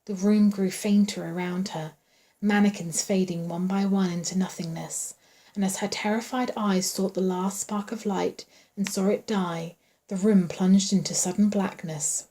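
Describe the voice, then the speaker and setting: Hushed woman reading a horror novel. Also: lowish voice. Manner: hushed, suspenseful, sometimes whispered. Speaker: audiobook reader.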